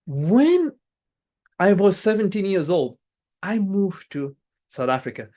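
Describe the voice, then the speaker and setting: A club speaker from Angola, native in Portuguese, works through a prepared motivational speech at a slow pace with a mid-range voice. The energy is lively and insistent, repeating key phrases and restarting words.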